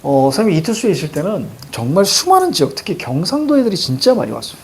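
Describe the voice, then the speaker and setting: A middle-aged man with a Seoul accent teaching a Korean language lesson, animated and joking with students, repeating cue words. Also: sits high, fast. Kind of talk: lively classroom lecture.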